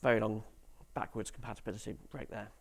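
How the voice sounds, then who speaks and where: A man's voice: on the low side, fairly even intonation, fast talker, vocal fry, slightly rough. A man giving a conference talk to developers, with dry, sarcastic humour and questions to the audience, on stage in a conference hall. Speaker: conference speaker.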